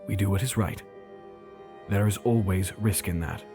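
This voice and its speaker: A man playing a loyal, reassuring gentleman doctor in an audio drama, speaking gently. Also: fairly low pitch, normal speed, natural voice. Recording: loud music under the voice.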